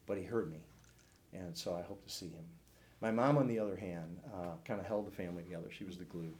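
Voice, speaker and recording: A man's voice: deep voice, fast, darkish tone. A man in his sixties from the St. Louis area, telling his personal faith testimony to a church class in an earnest, reflective way. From St. Louis area, United States. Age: 60s.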